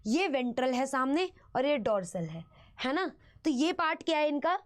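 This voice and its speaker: Brief: young Indian woman, high voice, slightly sore throat, chatty online biology tutor who checks in constantly. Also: very animated, moderate pace. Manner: addresses students as "beta", asks "theek hai?" constantly; mixes English terms into Hindi explanation. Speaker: biology teacher. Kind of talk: online exam-prep lecture.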